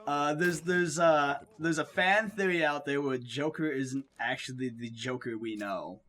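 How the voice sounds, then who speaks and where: A man's voice: fairly high pitch, a little slow, a bit bright. A man co-hosting a let's play, chatting casually and rambling with lots of fillers. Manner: rambling, hesitant, with many fillers. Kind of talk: casual gaming chat.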